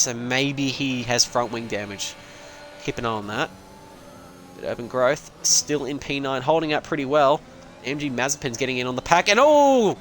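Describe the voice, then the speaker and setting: A young man calls a sim race live in an offhand, rambling way, with quick jokes and the odd swear. His voice sits in an ordinary middle pitch. Faint engine noise hums behind him. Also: fairly bright tone. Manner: casual, rambling, swears and laughs. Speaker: race commentator. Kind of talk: live esports race commentary.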